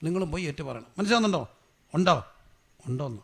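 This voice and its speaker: Male pastor, middle-aged, sermon, rapid delivery, gravelly voice, rhetorical questions to the congregation. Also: on the high side, expressive. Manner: fires rhetorical questions at the congregation and has them answer; builds to loud fervent prayer.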